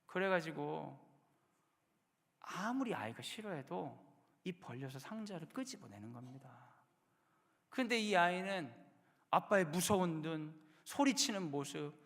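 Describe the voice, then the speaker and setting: A man in his thirties, a pastor preaching a sermon in a church sanctuary, with sudden loud bursts and hushed low endings. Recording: long hall reverb.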